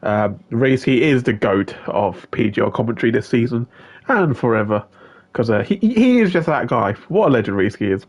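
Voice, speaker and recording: A man hosts a live sim-racing stream as its commentator. He chats casually at a middle pitch, greeting viewers one by one with plenty of fillers. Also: animated, normal speed, darkish tone. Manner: chatty, greets viewers by name, filler-heavy. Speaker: race commentator.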